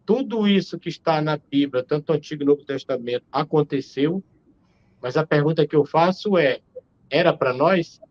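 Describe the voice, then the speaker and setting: A man's voice: fairly high pitch, moderate pace, a little mellow, highs cut off. A Brazilian man in his forties, a theologian on a live-stream video call, arguing emphatically and asking rhetorical questions. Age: 40s. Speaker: theologian guest.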